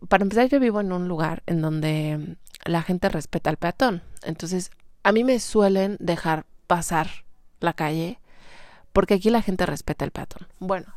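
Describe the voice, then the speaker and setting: A woman's voice: on the low side, no room sound. Chatty Mexican woman, dry close sound. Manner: chatty, slangy, animated retelling with quoted voices. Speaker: vlogger. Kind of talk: casual storytelling monologue.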